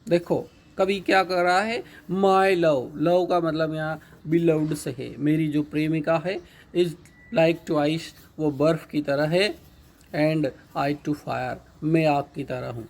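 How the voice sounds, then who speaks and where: A male teacher giving a patient, repetitive lecture, reading each line of an English poem slowly and then explaining it in Hindi. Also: fairly high pitch, fairly even intonation.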